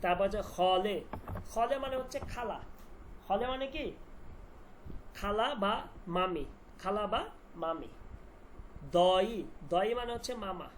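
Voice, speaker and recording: A man's voice: sits high, unhurried, long pauses. Guy teaching a farsi class, says each word over and over then asks what it means, bit of background hiss. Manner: repeats words and drills meanings with questions. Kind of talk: online language class.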